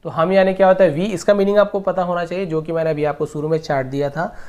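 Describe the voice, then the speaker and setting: A man teaching English grammar, patiently repeating each example slowly word by word. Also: on the high side, steady tone, dark tone. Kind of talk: explaining grammar lesson.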